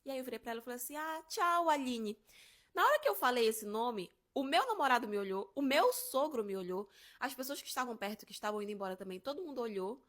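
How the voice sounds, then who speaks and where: Young woman, quick, slightly high voice, lively casual storyteller. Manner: animated, acts out quotes.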